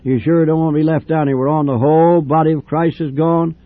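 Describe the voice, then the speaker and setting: An older man preaching a fervent sermon with repeated, drawn-out phrases. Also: a little high, little pitch movement, dry recording. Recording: tinny old radio broadcast.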